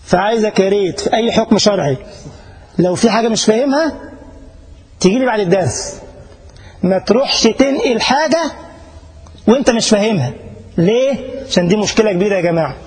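Before a live audience in Germany, an Egyptian Arabic-speaking sheikh gives an informal religious lesson, joking, speaking directly to listeners and checking they understand. His high, husky, slightly mellow voice has lively intonation and a fast delivery broken by frequent pauses, on a low-quality recording.

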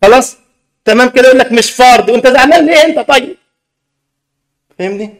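A man's voice: extremely high pitch, fast talker, gravelly. A man with an Egyptian Arabic accent preaching a sermon, emphatic and scolding with rhetorical questions.

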